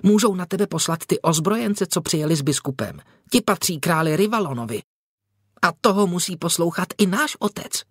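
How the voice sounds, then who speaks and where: A man's voice: high-pitched, expressive, breathy edge, dry recording, studio quality, voice pushed up. A man putting on a small know-it-all boy. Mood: earnest. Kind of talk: audiobook character voice.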